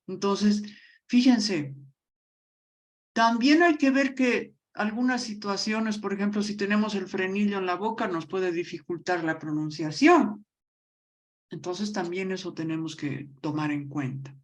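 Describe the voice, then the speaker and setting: A woman's voice: medium pitch, a little slow. A woman teacher from La Paz with a Bolivian accent, explaining a lesson and calling on students by name. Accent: Bolivian Spanish (La Paz).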